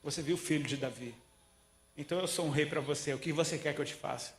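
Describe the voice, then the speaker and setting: A man's voice: on the high side, fast talker. A Brazilian man preaching a sermon, telling stories with slang and acting out the quotes. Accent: Brazilian Portuguese. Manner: animated storytelling, slangy, acts out quotes. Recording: roomy echo.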